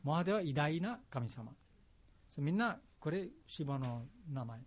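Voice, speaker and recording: Man explaining a chant in halting Japanese. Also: fairly high pitch, expressive. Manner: simple, halting Japanese with patient word-by-word explanations. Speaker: chant teacher. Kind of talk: explaining a devotional song to a class. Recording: dull lo-fi recording.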